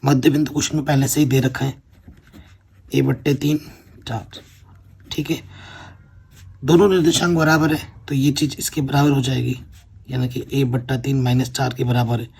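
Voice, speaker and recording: A male maths teacher works through exam problems step by step and keeps checking that his students are following. His voice is gravelly and a little husky. He sits at a middle pitch for a man. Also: fairly even intonation, moderate pace, pauses often, a little mellow. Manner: explains step by step, keeps checking with "theek hai na". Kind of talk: board-exam maths lesson.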